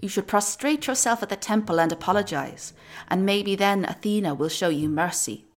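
Irish lady doing a grave old woman scolding, slow and stern. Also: mid-range voice, voice pushed up, close to an everyday voice. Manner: slow, reproving.

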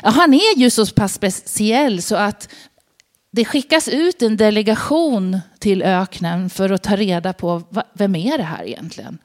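A woman's voice: mid-range voice, expressive. A woman gives a sermon-style Bible teaching in an informal, conversational tone. She poses rhetorical questions and often breaks off to rephrase. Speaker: preacher.

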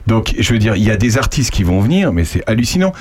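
A man hosting a casual radio talk show, animated and quick to jump in. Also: fairly low pitch, slight background noise. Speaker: radio host.

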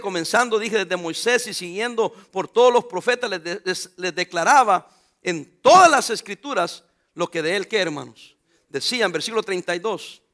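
High bright voice, preacher guy, fired-up sermon, keeps asking the brothers questions. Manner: fervent, addresses listeners as brothers with questions.

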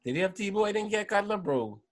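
A man's voice: high-pitched, lively intonation, fast. A man hosting a casual sports talk show, arguing his opinions in slangy speech and repeating points for emphasis.

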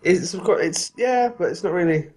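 A man co-hosting a podcast, chatting casually in a rambling, animated, self-mocking way. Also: high voice, normal speed, poor audio. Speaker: podcast co-host. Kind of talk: casual chat.

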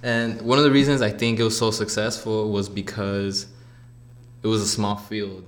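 A man's voice: on the low side, normal speed. A young man in his twenties, a college soccer player, talking casually and rambling a little as a podcast guest. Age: 20s. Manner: relaxed, rambling, laughs easily. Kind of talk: casual interview chat.

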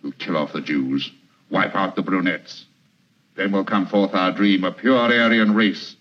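A man's voice: sits low, a little slow, dull audio, slight background noise. An actor playing a scheming male adviser who coaxes his leader, in 1940s film acting from an old film soundtrack. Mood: coaxing. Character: scheming male political adviser flattering a dictator.

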